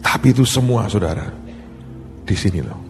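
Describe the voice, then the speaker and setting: A man's voice: lowish voice, very animated, normal speed. A male pastor, preaching a sermon and acting out both sides of a conversation as he tells a story. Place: large church hall. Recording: hall reverb with faint music.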